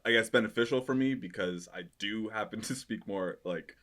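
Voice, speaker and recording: A man whose first language is Spanish, speaking as a podcast guest in an articulate, measured way without slang. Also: fairly low pitch, a bit bright. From United States. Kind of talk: casual podcast chat.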